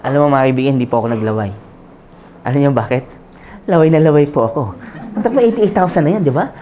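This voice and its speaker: A man from the Philippines in his forties gives a motivational sales pitch, telling his own story and checking with the audience at every turn. He slips in jokes between points. The recording has a dull, lo-fi sound. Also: fast talker, mellow, slight background noise. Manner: storytelling with jokes, often asks the audience "tama?". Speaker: business presenter. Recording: dull lo-fi audio.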